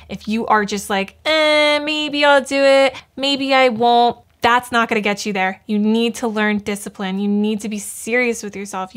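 A woman's voice: a little high, a bit bright. A young woman giving a blunt, fired-up motivational talk to camera, swearing freely. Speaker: YouTuber giving motivational advice.

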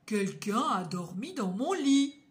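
A woman's voice: mid-range voice, big pitch swings, takes it slowly. A woman voicing a big, stern papa bear in a read-aloud storybook, speaking firmly and emphatically.

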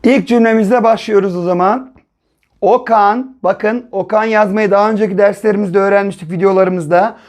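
A man's voice: high-pitched, steady tone. Man sounding out syllables for children. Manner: slow, syllable-by-syllable, asks children questions. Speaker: primary school teacher. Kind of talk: first-grade reading lesson. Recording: dull lo-fi recording.

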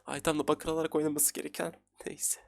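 A man in his twenties giving excitable, casual commentary while playing a game, talking to his viewers. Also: on the high side, fast talker, creaky. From Turkey. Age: 20s. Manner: excitable, talks to viewers while playing, frequent laughs and repeated words. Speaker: gaming YouTuber.

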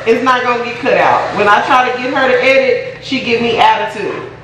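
A young American woman, a vlog co-host and home cook, chats colloquially with her bantering partner, playfully chiding. Her voice is on the high side and a little fast. It's recorded off-mic by a camera or phone a few feet away in an echoey, noisy home kitchen.

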